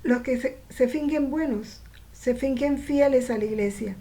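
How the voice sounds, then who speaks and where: A woman reading from a devotional text and explaining it, pausing to ask her listeners rhetorical questions. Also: high voice, dark tone. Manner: slow, reflective, poses rhetorical questions to listeners.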